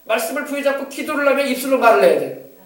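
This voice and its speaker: A man pastor preaching a sermon, emphatic and exhorting, moving between loud commands and quieter asides. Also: very high-pitched, expressive, very fast. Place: church sanctuary. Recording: echoey church hall from far off.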